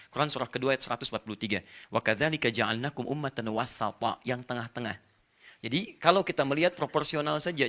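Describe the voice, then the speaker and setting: A man's voice: mid-range voice, bright, forceful tone. A man preaching an Islamic lecture, explaining in an emphatic way and speaking straight to his audience. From Indonesia. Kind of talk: religious lecture.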